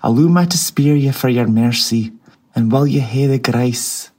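A man's voice: medium pitch, normal speed, a little mellow, natural voice. A man voicing Scrooge as a reformed, generous old miser, with a Doric Scots accent and a hearty, eager way of talking.

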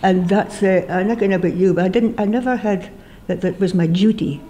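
A woman's voice: mid-range voice, fairly even intonation, fairly quick, warm tone, dull audio, a little hiss or hum. A woman with a broad Scottish accent hosting a casual radio interview in a chatty, self-deprecating way. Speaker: radio show host.

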